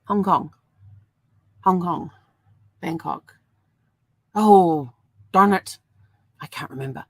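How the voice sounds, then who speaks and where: Low, gravelly-voiced woman chatting. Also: slow pace, no room sound. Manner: rambling, chatty storytelling with many fillers. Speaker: host. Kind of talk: casual chat.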